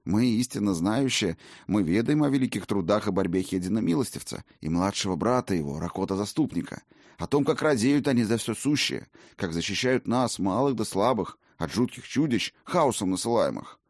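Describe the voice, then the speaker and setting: A man voicing a portly, fawning male innkeeper who talks in a hurried, effusive way. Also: fairly low pitch, animated, dry recording, studio quality.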